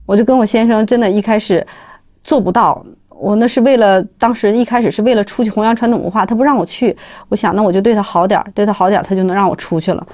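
A middle-aged woman who heads a company gives a personal testimony talk about her studies. She tells it as lively stories and acts out the dialogue. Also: mid-range voice. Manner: lively storytelling, acting out dialogue. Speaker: company head sharing study experience.

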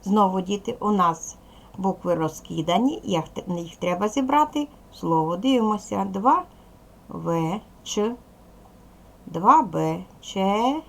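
A woman teaching a video language lesson to young children, patient and slow, asking questions and waiting for answers. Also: mid-range voice, animated, gravelly. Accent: Ukrainian. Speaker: primary school teacher.

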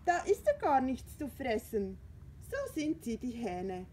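A woman voicing a grumpy, jealous little male cat who talks in a sulky, whiny, loud way, reading a storybook aloud. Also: high-pitched, huge pitch swings, measured pace, slight background noise, pitched above the performer's own voice, exaggerated voice.

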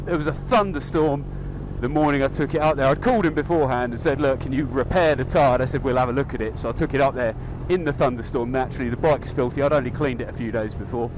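A young man with a medium-pitched voice talks fast and casually while riding his motorcycle, speaking into a mic inside his helmet. He's a motovlogger with an upbeat, rambling style full of ums, and faint road and engine noise can be heard in the background.

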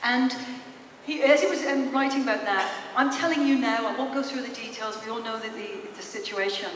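Her voice is fairly high, a bit bright and a little fast. A woman in her fifties and a psychologist, she tells stories conversationally in front of a big theatre stage, asking listeners questions, while a faraway camera records her PA-amplified handheld mic amid echo and noise.

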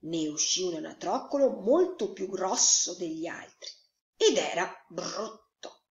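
A woman storyteller reading a fairy tale to children in an expressive, sing-song way. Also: fairly low pitch, unhurried. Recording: roomy echo, slightly dull sound.

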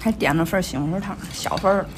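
Amid the clatter of a small, crowded restaurant, a Tianjin-accented food vlogger chats casually through her meal, reacting to every bite. She speaks fast in a fairly low voice.

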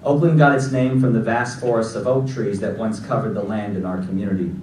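A Los Angeles man in his forties gives a graduation keynote from a podium in a large auditorium, reading a prepared text in a measured, deliberate way. His voice is a little low, steady and slightly mellow. The podium mic's sound was caught by a camera far back in the audience, so the recording is strongly echoey with faint room noise.

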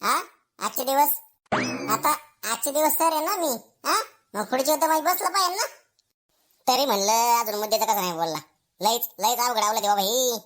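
A woman's voice: a little high, moderate pace, long pauses, lightly acted. A woman voicing a blustering schoolboy who gets to be teacher for a day, in a village comedy skit, full of cheeky asides to himself. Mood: smug. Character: brash boastful schoolboy made teacher for a day, male.

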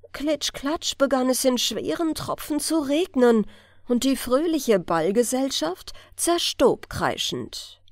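A woman reading a fairy tale aloud as a bedtime story, soothing and expressive, close to the microphone. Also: a little high, no echo. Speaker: audiobook reader.

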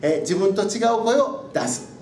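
A man's voice: animated, measured pace, a little mellow. A man teaching ventriloquism, answering his puppet with patient, chuckling retorts. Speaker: ventriloquism instructor. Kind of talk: ventriloquist comedy routine. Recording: echoey room from a distance, faint rumble.

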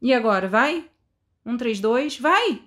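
A woman with a Brazilian Portuguese accent giving excitable let's-play commentary, full of dramatic exclamations and asides to her viewers. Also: fairly high pitch, slow. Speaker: gaming video creator.

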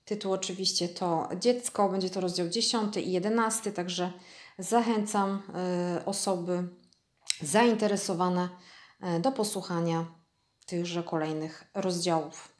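A woman vlogger reading a book aloud to her viewers in a calm, measured way. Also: lowish voice. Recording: echoey room.

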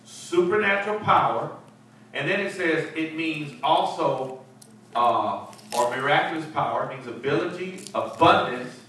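Unhurried and a bit bright, a middle-aged pastor with a fairly high voice teaches a Bible study through emphatic preaching, repeated words, and calls for responses. The setting is a church fellowship hall with a seated group. Heard from a distant camera rather than his handheld mic directly, the recording echoes and carries faint hiss.

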